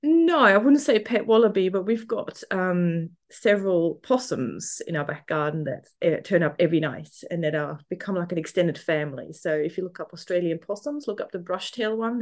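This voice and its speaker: A woman in her forties speaks with a Swiss German accent as a podcast guest. She sounds cheerful and laughs easily, and her voice sits a little low. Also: normal speed. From Switzerland. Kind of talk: podcast interview.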